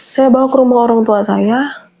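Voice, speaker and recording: A woman's voice: fairly high pitch, steady tone, moderate pace, creaky, warm tone, slight background noise. A young adult woman telling a personal horror story in an earnest, anxious way. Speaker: guest storyteller.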